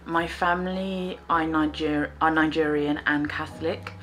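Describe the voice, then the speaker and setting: A woman, talking to camera in a soft-spoken, reflective way while knitting in a small living room. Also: low-pitched, fairly even intonation, a little slow, slight background noise. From England. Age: 20s. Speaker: fibre artist and vlogger.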